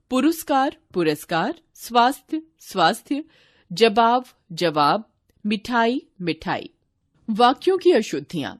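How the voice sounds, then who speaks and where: Slow, lively woman teaching children. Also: medium pitch, dry recording, clean studio sound. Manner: addresses children, repeats each word twice. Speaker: teacher reading a textbook lesson. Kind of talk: scripted lesson narration.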